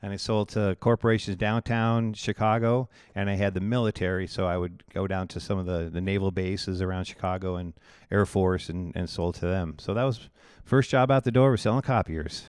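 A pastor from Iowa in his forties talks through his story in a loose, rambling way, often restarting his sentences. His voice sits fairly low and sounds smooth and clear. The recording is close and dry. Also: steady tone, normal speed, a little mellow, no room sound. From Iowa, USA. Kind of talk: conversational interview.

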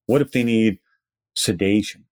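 There's no echo on this low, unhurried, darkish voice. It belongs to a pharmacist educator with a Brooklyn accent who, as an interview guest, talks through ideas conversationally and with emphasis, asking rhetorical questions along the way.

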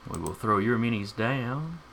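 A man narrating a tabletop game as game master, informal and halting as he improvises. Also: mid-range voice, animated, creaky, fairly bright tone, slight background noise.

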